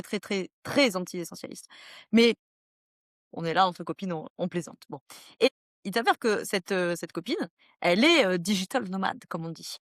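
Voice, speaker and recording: A woman's voice: lowish voice, dry recording, studio quality. A woman guest in a casual interview who talks in long, winding sentences and mixes academic terms with crude slang. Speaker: podcast guest.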